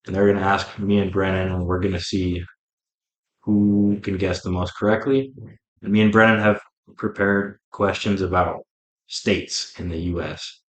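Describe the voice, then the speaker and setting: A man's voice: deep voice, flat delivery, moderate pace. Laid-back young man, echoey room. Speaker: podcast co-host. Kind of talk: casual chat.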